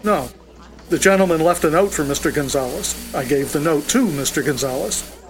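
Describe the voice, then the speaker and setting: A man's voice: on the high side, lively intonation, normal speed, music in the background, poor audio. A man voicing a formal, precise personal aide in an audio drama, answering questions stiffly and deferentially.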